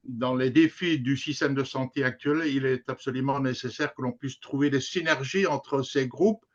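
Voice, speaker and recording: A man giving an explanatory academic presentation in a measured way, pausing now and then. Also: mid-range voice. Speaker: introductory speaker. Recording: dull, lo-fi sound.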